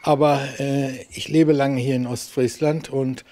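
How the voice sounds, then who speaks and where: A man, a parent, speaking in a reflective, low-key way in a documentary interview. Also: level tone, measured pace, warm tone.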